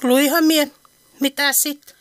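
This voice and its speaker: An actress in a radio play voices a dry, teasing older woman who speaks an Eastern Finnish dialect. Her high-sitting voice barely moves in pitch, and the acting is light, giving a wry, teasing tone.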